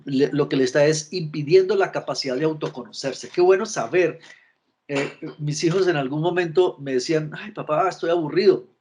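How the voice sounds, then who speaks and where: A man's voice: a little high, normal speed, a little mellow, slight background noise. A middle-aged man giving a virtual lecture on emotional intelligence, often restarting his words and checking in with his listeners. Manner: frequent restarts and repeated words, asks listeners for agreement.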